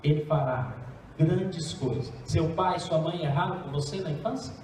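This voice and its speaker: A man's voice: fairly high pitch, normal speed, darkish tone, a little hiss or hum. A Brazilian man preaching a sermon as pastor, emphatic, putting rhetorical questions to the congregation. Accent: Brazilian Portuguese. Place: church sanctuary. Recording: echoey church hall, distant mic.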